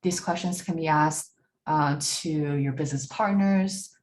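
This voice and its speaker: A woman leads a business workshop, her voice sitting a little low. She talks through slides with frequent fillers and restarts, checking in with listeners by asking "right?". A faint noise runs under the recording. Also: a little slow, a little mellow. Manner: frequent fillers and restarts, repeats words while searching; ends points with a questioning "right?". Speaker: workshop speaker. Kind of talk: presentation to a bootcamp. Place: online talk.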